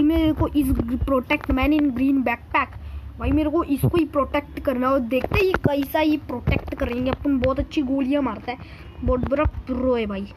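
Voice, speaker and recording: Brief: a man voicing a squeaky, boastful cartoon cat gamer, rattling off commentary over loud game noise. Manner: chattery, calls everyone brother, boastful. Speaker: gaming video host. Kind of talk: in-character gameplay commentary.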